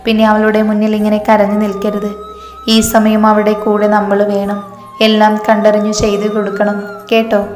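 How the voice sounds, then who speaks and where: A woman voicing a calm, caring young husband, speaking in a gentle, reassuring way. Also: mid-range voice, normal speed, close to an everyday voice. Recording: echoey reverberant room, faint music.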